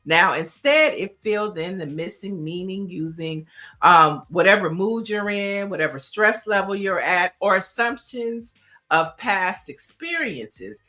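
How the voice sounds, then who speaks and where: A woman co-hosting a casual talk show, chatting in an animated, talkative way and laughing often. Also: mid-range voice, a little slow. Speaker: co-host. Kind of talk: casual chat.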